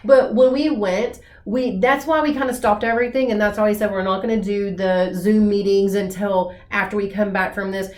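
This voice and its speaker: An eager, talkative woman speaks at a casual team meeting, jumping in with enthusiasm. Her voice sits at an ordinary pitch. The room is echoey and roomy. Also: normal speed, few pauses. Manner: eager, talkative, jumps in excitedly.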